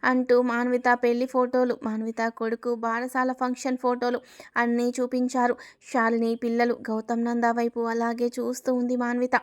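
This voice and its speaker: This family story is narrated by a woman whose clear, resonant voice is on the high side, monotone, and at normal speed. She voices all the characters as herself, interrupting to request likes.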